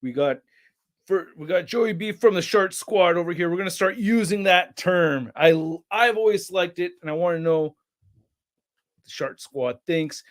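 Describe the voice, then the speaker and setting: A young man hosting a casual toy channel livestream, rambling and reading chat names aloud with excitable bursts. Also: high-pitched, normal speed. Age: young adult.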